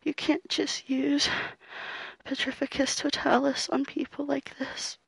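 A young woman voicing a sharp-tongued, mean young female student who swears freely and shifts between defiance and pleading in an audio roleplay. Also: high voice, level tone, a little slow, creaky, dry recording, full character voice, low-quality recording. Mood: defiant, suspicious. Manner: profane, alternating defiance and pleading. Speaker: voice actor.

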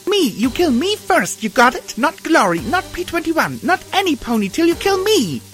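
A man's voice: on the high side, very animated, normal speed, fairly bright tone, faint music behind, voice pushed up. A man voicing a fierce young female unicorn pony who screams in fury. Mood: enraged screaming. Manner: screaming, furious.

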